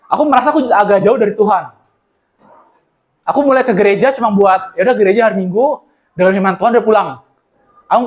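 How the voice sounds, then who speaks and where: Young guy giving a casual church talk, high voice, fast and animated. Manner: animated, acts out Bible scenes in slang. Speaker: church speaker. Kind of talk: casual sermon sharing.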